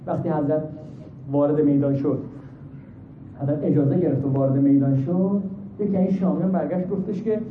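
Impassioned high-voiced male preacher, echoey. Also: long pauses, distant mic. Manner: impassioned, swinging from hushed to loud. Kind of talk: religious sermon with mourning narration. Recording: echoey, phone-like, faint noise.

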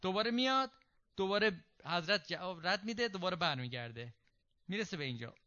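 A man giving a religious lecture, reading Arabic passages and explaining them in casual spoken Persian, with quick asides to his listeners. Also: sits high, lively intonation, bright, forceful tone. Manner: quick, conversational asides to the audience. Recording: dull lo-fi recording.

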